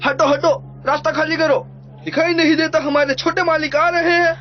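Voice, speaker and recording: A brash henchman who barks orders and jeers at commoners. His voice rides high and loud. The audio is dull and muffled. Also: sing-song, unhurried, heavily acted. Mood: bullying. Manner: shouting, jeering, bossy. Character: loud bullying male henchman of a young lord. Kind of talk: Hindi film dub.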